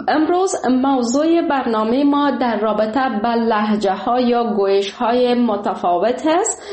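A woman's voice: high voice, echoey room. Cheerful woman radio host with a Kabul accent. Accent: Kabuli Dari. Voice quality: warm and welcoming, laughs often. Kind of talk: phone-in radio chat. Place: radio studio.

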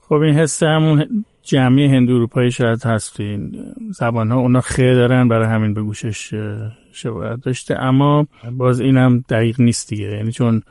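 A man's voice: mid-range voice, steady tone, darkish tone, no room sound, studio quality. A man answering questions as a guest expert on a podcast, explaining carefully and hedging his claims. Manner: measured, explanatory, cautious about claims. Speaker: guest expert on old Persian epic. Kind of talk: podcast conversation.

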